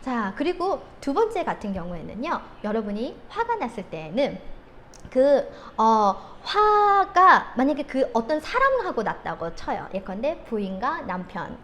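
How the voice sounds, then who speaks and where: High, animated woman lecturing. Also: unhurried, a little hiss or hum. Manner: animated storytelling, acts out quoted scenes. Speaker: family counselor and lecturer. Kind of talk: lecture on handling anger.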